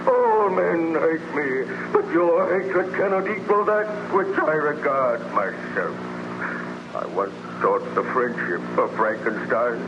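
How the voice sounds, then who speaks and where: A slow, bitter monster, old radio. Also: male voice, a little high, lo-fi sound. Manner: declamatory, solemn, theatrical, formal phrasing. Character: bitter, anguished man-made monster, dying and lonely. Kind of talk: 1930s radio drama acting. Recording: noisy, band-limited 1930s radio recording.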